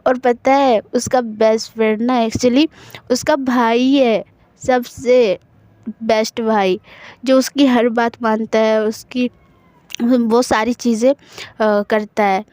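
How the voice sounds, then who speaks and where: A giggly young male friend rambles on and repeats himself, read by a woman narrator. The voice stays high, and the sound is close and dry, like an audio storybook. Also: fairly even intonation, slow, a little mellow, dry recording. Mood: amused, rambling. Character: young man, joking friend who laughs easily.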